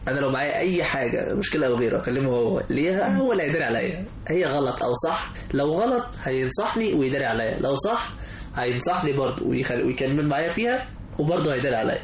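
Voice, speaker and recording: A man's voice: medium pitch, animated, rapid-fire. A young man with an Egyptian Arabic accent chatting casually and emphatically, often repeating his phrases. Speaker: guest. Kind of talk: casual chat. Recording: roomy echo, faint background noise.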